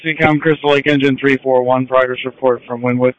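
A man's voice: medium pitch, little pitch movement, fairly quick, no room sound, dull audio, soft background music. A man from a fire and ambulance crew giving procedural reports over a two-way radio.

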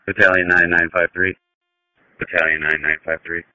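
Piercingly bright, low-voiced man on radio. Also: little pitch movement, normal speed, smooth, dry recording, low-quality recording. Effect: two-way radio. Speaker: emergency responder calling dispatch. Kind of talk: radio traffic. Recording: dry two-way radio audio.

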